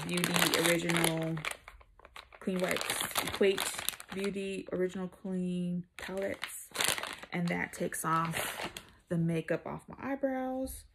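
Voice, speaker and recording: A woman doing a casual makeup tutorial vlog, chatting in a relaxed way while she applies makeup. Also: lowish voice, creaky, very noisy. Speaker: makeup vlogger.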